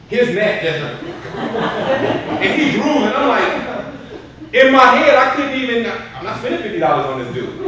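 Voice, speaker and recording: A man speaks to a live audience with a high, lively voice that swings all over the place. He tells his stories with animated humor and laughs often. He sounds far from the microphone in a very echoey hall, with clear noise behind him. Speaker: motivational speaker. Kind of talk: humorous storytelling speech to an audience.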